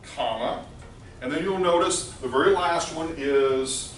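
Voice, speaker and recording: A man's voice: fairly high pitch, a little slow. A middle-aged man teaching a spreadsheet class, dictating item by item and step by step, often checking with an "okay?". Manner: checks understanding with frequent "okay?". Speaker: instructor. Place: indoor classroom with whiteboard and projection screen. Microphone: far camera across the room. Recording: roomy, distant microphone, background noise.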